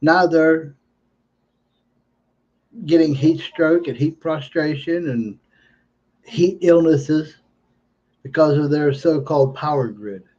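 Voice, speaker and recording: Toothless man, mellow and slightly slurred. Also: a little high, slow pace, long pauses. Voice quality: toothless, slightly slurred speech, learning to talk without teeth. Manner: emphatic, repeats phrases. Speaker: livestreamer giving political commentary. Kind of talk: unscripted political monologue. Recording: dull lo-fi stream audio.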